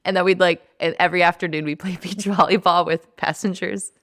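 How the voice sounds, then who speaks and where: A woman's voice: fairly low pitch, fairly even intonation, brisk, a bit bright. A woman comedian and improv performer, a guest chatting casually on a podcast and laughing often.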